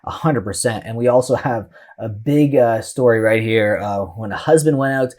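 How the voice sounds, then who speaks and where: A man's voice: mid-range voice, normal speed, a little mellow. Conversational male commentary host. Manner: conversational, emphatic, with fillers and restarts. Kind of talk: reaction commentary.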